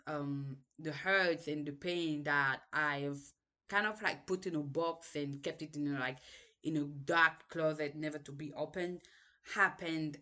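Low-voiced Cameroonian woman, hesitant. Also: a bit bright. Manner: hesitant, restarts sentences often, many ums. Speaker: podcast host. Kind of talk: reflective personal monologue.

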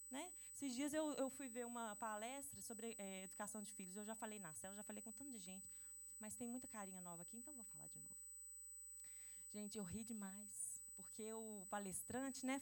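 A middle-aged woman with a Brazilian Portuguese accent preaches a sermon to her congregation. Her voice sits a little high, and she talks in a loose, conversational way, speaking right to the people in front of her. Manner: chatty, addresses the congregation directly.

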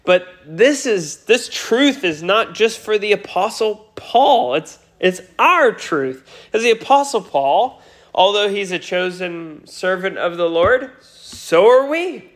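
A man's voice: high-pitched, lively intonation, slow, fairly bright tone. A pastor giving a Sunday sermon, his voice nasal today, speaking earnestly with frequent restarts. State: nasal from a cold.

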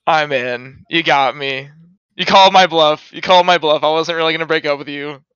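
A man's voice: fairly high pitch, fairly even intonation, brisk, a bit bright, smooth, no room sound, natural voice. A man playing a smug vain boyfriend. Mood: mock-serious. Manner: teasing, mock-serious, arrogant. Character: smug vain young boyfriend dumping his girlfriends. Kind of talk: comedy skit. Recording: dull lo-fi sound.

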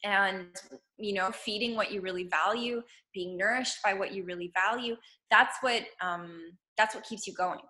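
A woman's voice: medium pitch, moderate pace, bright, forceful tone. A woman guest on a podcast talking casually and earnestly about spirituality, with many fillers and restarts. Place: at home.

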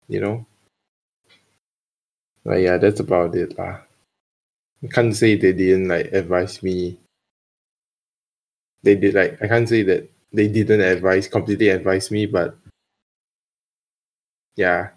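A young man with a Singaporean accent, a podcast guest chatting casually and hesitantly in colloquial Singlish. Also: deep voice. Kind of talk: casual chat.

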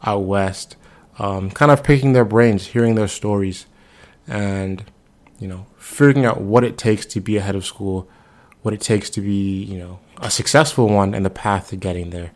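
Podcast host, twenties, from the Bahamas, lowish voice, easygoing and chatty. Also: male voice, moderate pace. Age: 20s. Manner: relaxed, conversational, with frequent fillers. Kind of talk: solo podcast introduction.

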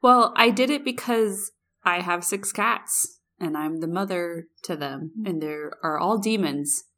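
A woman's voice: on the low side, unhurried, pushed and bright. A woman co-hosting a podcast in casual comedic chat, teasing and slipping into little imagined dialogues. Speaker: podcast co-host.

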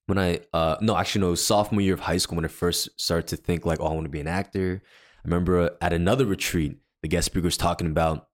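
A man who leads worship and co-hosts a podcast recounts something personal in casual talk, his deep voice steady as he rambles with plenty of fillers and restarts. He moves at a quick clip.

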